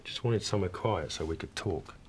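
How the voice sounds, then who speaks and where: An actor playing a defensive British man under police questioning in a TV drama, halting, emotional and pleading. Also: low voice, slightly rough. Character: male suspect, defensive, agitated, pleading.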